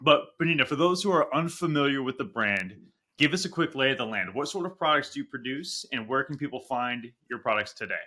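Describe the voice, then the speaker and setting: A man's voice: medium pitch, animated, brisk, sharp tone. A man co-hosting a podcast, asking questions in a playful, joking way. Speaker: podcast co-host. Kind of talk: casual podcast interview.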